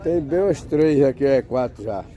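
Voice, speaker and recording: With a mid-range, dark-toned, expressive voice, this man talks at a moderate speed in Northeastern Brazilian Portuguese. He's a vlogger touring an outdoor cattle fair, offering casual commentary among crowded pens and checking prices with sellers while people chatter and animals call around him.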